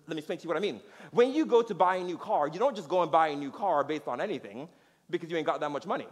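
High-voiced man preaching in a hall. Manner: energetic, conversational preaching with laughs and audience asides. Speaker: pastor. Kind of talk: sermon.

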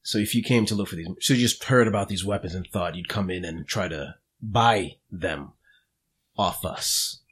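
A man voicing a disdainful male gang leader in a tabletop role-play, talking slowly and low with a husky voice. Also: fairly bright tone. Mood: cold, suspicious.

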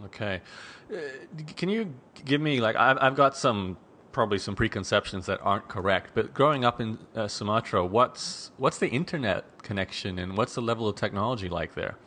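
A man's voice: fairly low pitch, animated, moderate pace, pushed and bright, a little hiss or hum. A man hosting a podcast interview, talking in a conversational way with frequent "uh" fillers. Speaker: podcast host.

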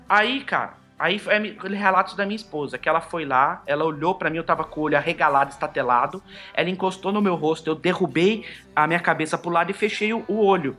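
A young man, telling his story as a guest in an animated, casual way, acting out quoted dialogue. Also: high voice, fast, faint music behind. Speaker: podcast guest.

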